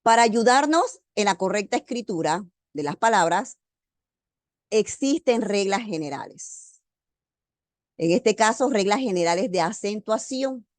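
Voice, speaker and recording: A woman teacher giving an online grammar lecture, speaking slowly and deliberately and stressing key words. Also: medium pitch, lively intonation, no echo. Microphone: video call.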